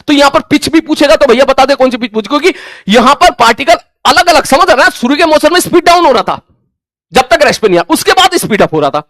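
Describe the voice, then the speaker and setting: A man's voice: very high voice, big pitch swings, fast talker, fairly bright tone, dry recording, studio quality. A man teaching physics online to his class, blunt and stern, repeating points for emphasis. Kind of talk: scolding lecture to an online class.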